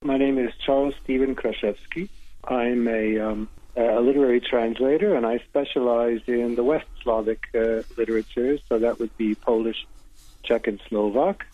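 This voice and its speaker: A man answering radio interview questions as a literary translator, halting with many hesitations and restarts. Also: mid-range voice, fairly even intonation. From United States. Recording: tinny phone line, dry.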